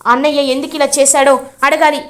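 A woman's voice: high-pitched, little pitch movement, fast, lightly acted. A woman voicing a wounded young man who demands answers in anguish. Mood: demanding. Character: wounded young man confronting his brother.

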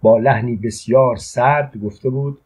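A man narrating a literary audiobook in a measured, unhurried way, with a husky voice. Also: medium pitch, steady tone, darkish tone.

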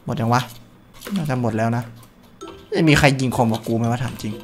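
A young man giving casual gameplay commentary while shooting, brash and boastful, swearing freely and bursting into loud shouts at kills. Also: medium pitch, a little fast, loud music behind the voice. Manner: brash, profane, boastful trash talk. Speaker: gameplay streamer.

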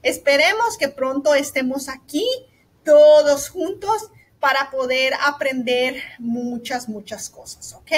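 A woman teacher giving a remote lesson to young children, slow, sweet and encouraging, asking "ok?" often and mixing in English words. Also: high-pitched. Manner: mixes in English words like "so" and "all right".

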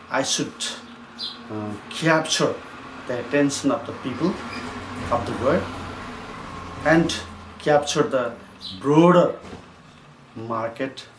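A middle-aged man from Nepal answering interview questions as a writer, speaking in a measured way with many pauses and fillers. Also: mid-range voice. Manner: measured, with frequent hesitations and fillers. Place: plain indoor room. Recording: echoey room with faint noise.

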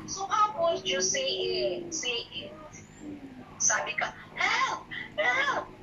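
A woman's voice: extremely high pitch, big pitch swings, slow pace, highs cut off. Filipino lady teacher quizzing little kids, bouncy sing-song voice, far from the mic, noisy echoey room. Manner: patient, asks children questions and praises answers. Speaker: grade one teacher. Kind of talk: online class lesson review. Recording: roomy, distant mic with background noise.

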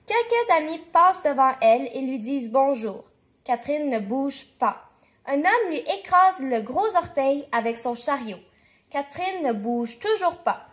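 A woman reading a children's bedtime story aloud, lively and clear, doing voices for the characters. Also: high voice. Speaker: storybook reader.

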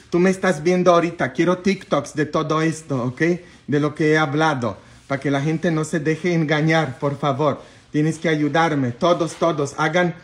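A man with a Mexican accent, a priest chatting casually and loudly with his viewers, joking and excitable. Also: on the high side. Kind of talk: casual live video chat with viewers.

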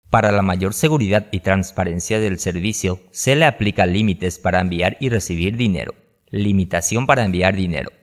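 A man narrating a scripted explainer video, reading in an even, steady way without slips. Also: deep voice. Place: voice-over over whiteboard animation and stock footage.

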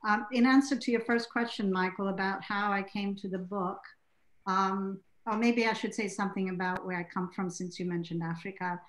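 A woman speaking on a panel over a video call, in a gracious and measured way. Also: mid-range voice, steady tone. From Zimbabwe. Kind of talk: academic panel discussion. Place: room with bookshelves. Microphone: laptop video call. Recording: roomy video-call audio.

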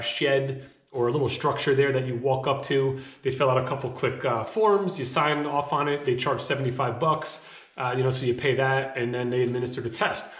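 A vlogger in his thirties chats casually to the camera from a small home office, rambling with fillers and restarts. His medium-pitched voice is a little hoarse from a cough, and the room sounds echoey.

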